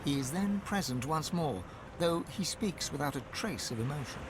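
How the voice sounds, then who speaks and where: An actor playing a solemn, dramatic storyteller narrating a video game. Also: male voice, fairly high pitch, expressive, moderate pace, noisy background, natural voice.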